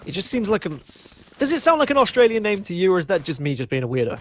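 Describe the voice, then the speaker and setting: A man doing lively play-by-play commentary on an esports match, bantering jokingly with his co-caster over a headset mic. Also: high voice, fast talker, slight background noise. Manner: animated, jokey banter.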